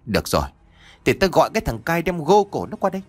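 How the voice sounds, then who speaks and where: A man's voice: sits low, animated, normal speed, no room sound, soft background music, pitched below the performer's own voice. A man voicing a drunk, lecherous and cruel old male official who slurs and threatens. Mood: menacing. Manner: slurring, leering, then menacing threats.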